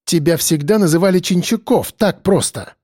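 A steely woman prisoner speaks firm and cold, as a male reader voices her. Her words are cutting and flat, with a dry, close sound. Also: a little high, normal speed, dry recording, natural voice. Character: tough, steely woman prisoner called Kobra.

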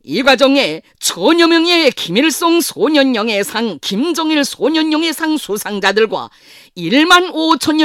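A man's voice: extremely high pitch, fairly bright tone, clear, resonant tone, no echo, clean studio sound. A man with a North Korean accent reading formal scripted news as an announcer, in a solemn, reverent, declamatory manner.

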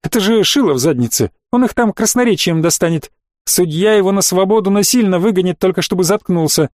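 Cocky cadet kid, scoffing and raised up high, man voicing him. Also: lively intonation, brisk, a little mellow, no room sound, studio quality. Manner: scoffing, joking. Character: cocky young male cadet.

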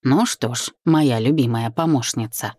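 A woman reading the part of a young husband and boss who is teasing, commanding and tender by turns, in a low, mellow voice. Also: very animated, measured pace, no room sound, full character voice. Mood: teasing, bossy. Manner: playful, bossy, tender. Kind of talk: audiobook reading.

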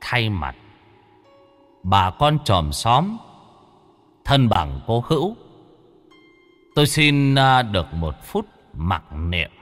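Guy doing an older neighborhood head giving a clumsy funeral speech, low voice, lots of um and ah. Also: big pitch swings, slow pace, long pauses, a bit bright, long reverb tail, faint music behind, heavily acted. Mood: solemn. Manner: solemn, fumbling with hesitant fillers.

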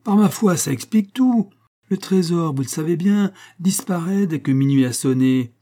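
A man's voice: mid-range voice, moderate pace, warm tone, pitched above the performer's own voice, lightly acted. A man reading aloud voicing a sly, easy-going young husband who teases his father-in-law. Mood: sly, lively. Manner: easy-going, phlegmatic, mocking.

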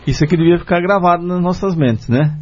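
A man with a high voice and a Brazilian Portuguese accent talks fast while hosting a spiritist radio program. He is earnest and conversational, retelling a story with lots of "né?" fillers, and the recording is dull lo-fi radio.

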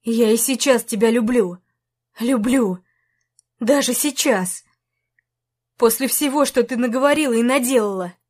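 A woman's voice: on the high side, a little slow, long pauses, a little mellow. A woman reading an audiobook, voicing a frightened young man who begs and whines. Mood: pleading. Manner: whining, begging.

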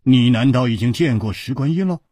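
A man voicing a tense, serious swordsman who speaks low and quick in a dramatized story reading. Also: darkish tone, husky, no echo, studio quality, lightly acted.

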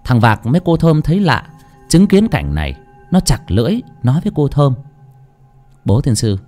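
A male storyteller reads a ghost story in a dark, mellow voice. His reading is expressive and dramatic, with a lively, swinging pitch. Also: brisk, faint music behind. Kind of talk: scripted audiobook narration of a ghost story.

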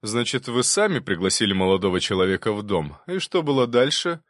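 A sly prosecutor pressing witnesses with pointed, raised questions, as a male narrator voices him. His pitch swings lively from line to line. The sound is dry and close. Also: a little fast, dry recording. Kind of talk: audiobook reading.

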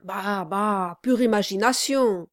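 A woman's voice: medium pitch, slow pace, dry recording, clean studio sound, lightly acted. A woman voicing an oily, scheming middle-aged male lawyer in an audiobook, speaking in a honeyed, falsely cheerful way. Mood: evasive.

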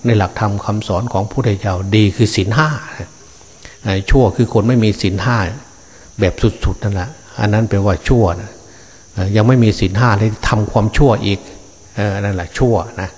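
A man's voice: fairly low pitch, darkish tone, a little hiss or hum. An older man, a Buddhist monk, giving a fatherly Dharma sermon with frequent hesitant fillers, speaking to his listeners as his children and grandchildren.

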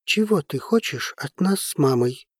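A man's voice: on the high side, expressive, measured pace, husky, no room sound, clean studio sound. A man voicing a stubborn, heated teenage boy. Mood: wary. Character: defiant angry teenage boy. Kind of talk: audiobook character reading.

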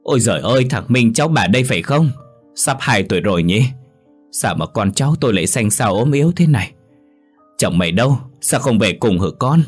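A man's voice: low-pitched, normal speed, a little mellow, faint music behind. A man voicing an elderly village mother who talks on and on, fussing over her family. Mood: overjoyed.

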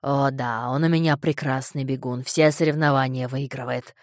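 A woman's voice: rumbling low, steady tone, no room sound, studio quality, voice pushed down. A woman reading an audiobook, voicing a chatty, teasing old king who drawls. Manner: slow, teasing.

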